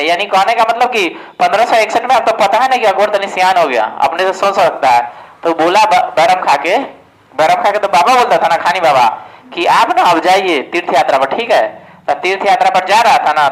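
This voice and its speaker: Here a man with a high-sitting, fairly bright voice is heard on a rough recording. He's an exam coaching teacher delivering a casual history lesson for test prep, asking questions he then answers and saying "ठीक है" a lot.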